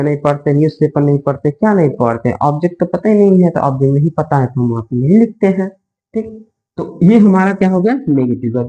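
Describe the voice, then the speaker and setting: A man teaching a grammar lesson, asking questions and answering them himself, slowly spelling out example sentences. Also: a little high, warm tone, low-quality recording. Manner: asks and answers his own questions, drawn-out example sentences. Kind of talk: Hindi-medium grammar lesson.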